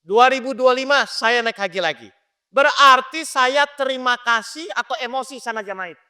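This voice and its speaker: Male preacher, sermon in a mosque, high pitch, keeps questioning the listeners. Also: fairly quick, sharp tone, smooth. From Indonesia. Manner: addresses listeners directly with questions.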